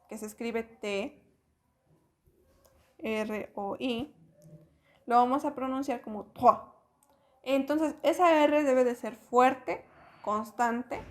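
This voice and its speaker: A woman teaching French pronunciation in a spoken lesson, explaining patiently with fillers. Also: fairly high pitch.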